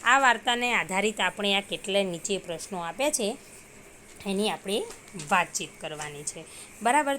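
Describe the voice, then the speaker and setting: A woman's voice: a little high, a bit bright, a little hiss or hum. A woman teacher reading a story aloud to young children and explaining hard words simply.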